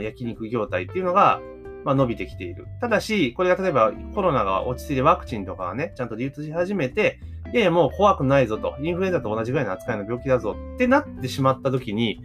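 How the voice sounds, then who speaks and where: A man's voice: medium pitch, fairly bright tone. A man hosting a solo podcast, talking casually and thinking aloud, with plenty of fillers and rhetorical questions. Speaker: podcast host.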